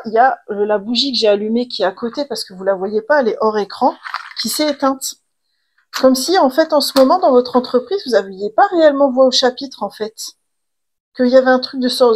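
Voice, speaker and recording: A woman's voice: on the high side, darkish tone. A woman doing a tarot reading to camera in a chatty way, full of fillers and restarts. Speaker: tarot reader and coach.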